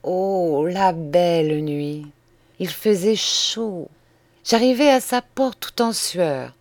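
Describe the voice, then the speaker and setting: A woman reading a classic novella aloud in a slow, measured and expressive manner. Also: lowish voice, no echo. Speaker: audiobook reader. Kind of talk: literary audiobook narration.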